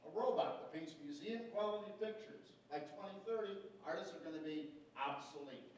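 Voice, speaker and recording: An actor plays a stubborn older father whose high voice turns blustering when he feels accused. He is heard from far away in an echoing theater with a faint hiss. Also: a little fast, natural voice. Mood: dreamy. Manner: blustering, defensive. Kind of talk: live stage comedy acting. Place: community theater stage. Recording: echoey hall from far off.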